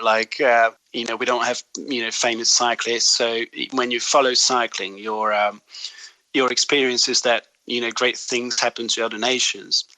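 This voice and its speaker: A man in his forties from Hungary speaks in an interview, his first language Hungarian. His tone is bright and forward, and he weighs his words with many pauses. The sound is dry and close. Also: mid-range voice, dry recording, low-quality recording. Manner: reflective, hesitant with many fillers. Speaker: guest photographer. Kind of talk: recorded interview clip.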